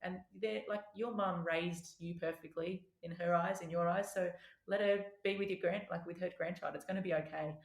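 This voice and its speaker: A woman in her thirties speaks as an interview guest in a frank, conversational way, often restarting her sentences. Her voice sits a little low. The recording carries a noticeable room echo. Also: steady tone, normal speed. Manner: chatty and frank, with frequent restarts. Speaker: podcast guest, doctor. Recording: roomy echo.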